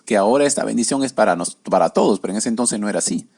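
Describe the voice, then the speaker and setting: A man's voice: lowish voice, animated, racing, gravelly, darkish tone. A man preaching a conversational sermon, often tagging his lines with questions to the listeners.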